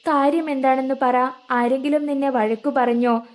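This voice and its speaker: ഒരു വൃദ്ധനായ വല്യപ്പച്ചനായി സൗമ്യമായി സംസാരിക്കുന്ന ഒരു സ്ത്രീ, കഥ വായിക്കുന്നത്. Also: female voice, high voice, fairly even intonation, normal speed, close to an everyday voice. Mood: tender. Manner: gentle, coaxing. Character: older man, grieving elderly grandfather figure.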